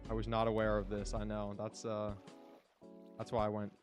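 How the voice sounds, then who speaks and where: A man with a lowish, monotone voice streams a game at a moderate pace while soft music plays in the background. He rambles casually through chatty gameplay commentary and keeps talking to his chat.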